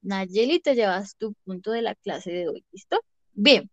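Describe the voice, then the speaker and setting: A woman's voice: mid-range voice, lively intonation, measured pace, a bit bright, no room sound, highs cut off. A woman teaching an English lesson in an online class, explaining patiently and checking often that her students follow. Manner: patient, checks understanding with frequent questions. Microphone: video call.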